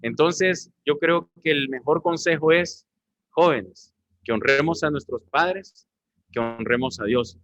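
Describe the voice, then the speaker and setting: A man's voice: fairly high pitch, measured pace, a bit bright, dry recording, muffled recording. A man preaching a sermon as pastor, often calling his listeners brothers. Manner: preaching, addressing the congregation as brothers.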